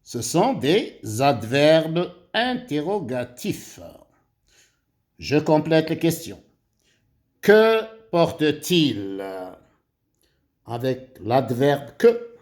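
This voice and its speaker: A man's voice: a little high, very animated, very slow, pauses often, a little mellow. A man teaching a primary school grammar lesson, reading questions aloud and explaining each step patiently. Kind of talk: slow, deliberate grammar lesson.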